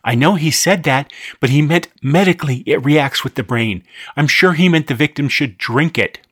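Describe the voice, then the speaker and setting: A man's voice: on the high side, normal speed, fairly bright tone, breathy edge, no echo, studio quality, pitched above the performer's own voice. A man voicing a worried, insistent young girl in a storybook reading. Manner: anxious, insistent. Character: worried, bossy girl, a kid.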